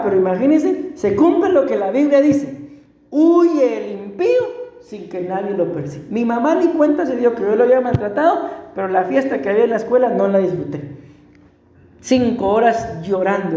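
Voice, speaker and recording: A man's voice: high voice, dark tone. A middle-aged man with a Costa Rican accent, preaching a sermon and telling a personal story in an earnest, emphatic and repetitive way. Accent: Costa Rican Spanish. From Costa Rica. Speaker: pastor. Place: church hall. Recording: echoey church hall.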